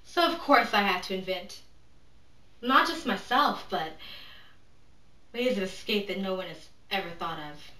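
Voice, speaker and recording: A woman playing a proud, cunning, defiant aristocrat in a theatrical monologue, speaking deliberately and emphatically, with dramatic pauses and hushed drops. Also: medium pitch, expressive. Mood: proud, controlled. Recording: roomy echo, distant microphone.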